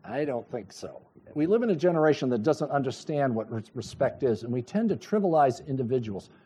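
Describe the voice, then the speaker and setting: A middle-aged man preaching a sermon, telling a personal story with lively storytelling and acted-out dialogue. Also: mid-range voice, brisk, a little hiss or hum. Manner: animated storytelling, acts out dialogue, chuckles. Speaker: pastor.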